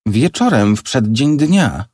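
A man's voice: mid-range voice, very animated, takes it slowly, a little mellow, husky, no room sound, studio quality, pitched above the performer's own voice, full character voice. A man voicing a worried young woman, a daughter pleading and asking questions, in an audiobook reading. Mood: anxious.

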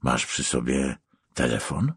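A man voicing a cold, menacing male avenger who mutters quietly. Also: very deep voice, animated, measured pace, vocal fry, slightly rough, no room sound, voice pushed down, heavily acted.

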